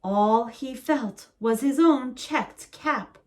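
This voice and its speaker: A woman reads a picture book aloud at bedtime, her voice slow, soothing and expressive. Her pitch sits a little high.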